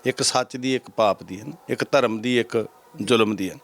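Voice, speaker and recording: A man from Punjab, India, serving as head granthi and answering interview questions in a measured, preaching cadence. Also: medium pitch, vocal fry, a bit bright.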